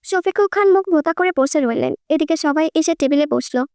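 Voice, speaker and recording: Woman audiobook narrator, very high voice, lively storytelling, dry close-mic read. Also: a little fast, no room sound. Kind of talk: scripted narration.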